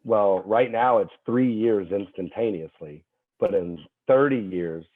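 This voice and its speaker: A young man, a fitness trainer appearing as a podcast guest, telling stories in an animated way, full of fillers and restarts. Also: on the low side, measured pace. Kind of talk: casual chat. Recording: tinny phone-like call audio.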